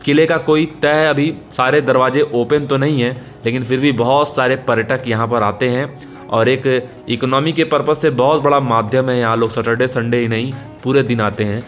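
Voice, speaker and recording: A man's voice: mid-range voice, fairly even intonation, moderate pace, fairly bright tone, soft background music. A young man giving an informal voice-over narration for a vlog, telling the history of a fort and speaking to viewers as friends. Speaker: vlogger narrating.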